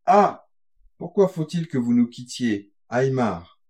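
A man reading an audiobook, voicing a tearful young fiancée who begs her beloved to stay, raising his voice high and strained. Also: slow, a little mellow, breathy edge. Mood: pleading. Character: young woman, tearful fiancée full of foreboding.

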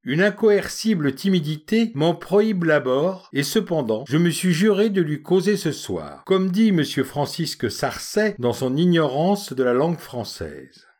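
A man's voice: fairly high pitch, very animated, measured pace, a little mellow, pitched above the performer's own voice. A man voicing a pale, sad, timid young man who speaks in a formal, slightly pompous way. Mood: earnest, scheming.

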